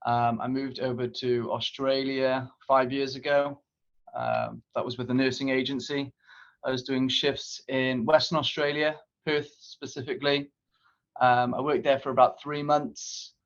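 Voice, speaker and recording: A man answers interview questions as a guest. His tone is very flat and matter-of-fact, and he often starts with an um. The audio is dull and lo-fi. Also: medium pitch, a little slow. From Wales. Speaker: nurse guest. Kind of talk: casual interview.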